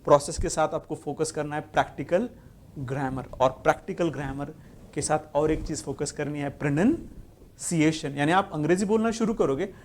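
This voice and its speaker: A young Indian man with a higher-pitched voice leads a class in English practice. He switches between Hindi, Marathi and English and slows down to spell out each phrase for the students to repeat. His tone is that of a coach drilling his class. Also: slight background noise. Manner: speaks slowly and deliberately when modeling English, has the class repeat after him.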